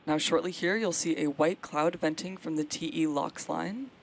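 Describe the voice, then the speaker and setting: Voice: mid-range voice, moderate pace, creaky, slight background noise. Launch webcast host explaining each step. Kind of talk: explanatory live launch commentary.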